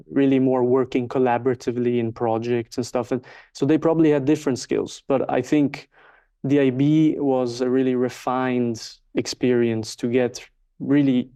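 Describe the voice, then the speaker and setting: A man's voice: medium pitch, flat delivery, moderate pace, dark tone. A Swiss man in his twenties, a native Swiss German speaker, answering interview questions in a thoughtful way with many fillers. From Switzerland. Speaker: interview guest, market researcher. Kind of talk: casual interview.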